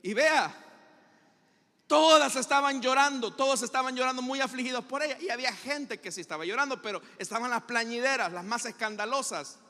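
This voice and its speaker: A man's voice: extremely high pitch, a little fast, bright, forceful tone, in a large hall. A male pastor with a Salvadoran accent preaching a dramatic sermon in a church, full of rhetorical questions and acted-out scenes.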